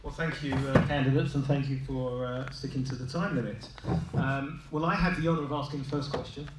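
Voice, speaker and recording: A man from London chairing a hustings, polite and halting with fillers. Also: mid-range voice, fairly even intonation, heavy background noise. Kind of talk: chairing a public meeting. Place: large hall with an audience. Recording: echoey hall from far off.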